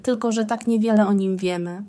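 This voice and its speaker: A woman reading the lines of a cautious, anxious nobleman in his later years who is in failing health, in a measured, hesitant way. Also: mid-range voice, steady tone, mellow, lightly acted. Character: anxious ailing elderly nobleman count.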